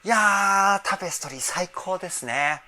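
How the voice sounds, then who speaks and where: A man working as a vocal trainer, giving casual, enthusiastic analysis of a music video's singing and breaking in with excited remarks as he explains. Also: high-pitched, moderate pace.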